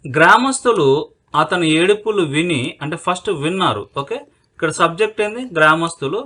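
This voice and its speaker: A man teaching English vocabulary and grammar, explaining word by word, asking himself questions and answering them, and slowly dictating sentences. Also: on the high side, pushed and bright. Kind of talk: spoken English lesson in Telugu.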